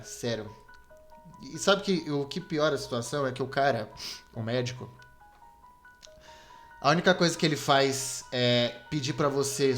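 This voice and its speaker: Over Super Nintendo game music, a young Brazilian-accented man hosts a podcast alone, rambling in a slangy, self-deprecating way. His voice is medium in pitch and a bit bright.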